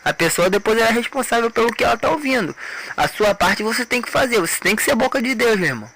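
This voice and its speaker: A man's voice: extremely high pitch, expressive, quick pace, a bit bright, poor audio. A man preaching an informal sermon, retelling scripture in everyday speech and repeating words for emphasis.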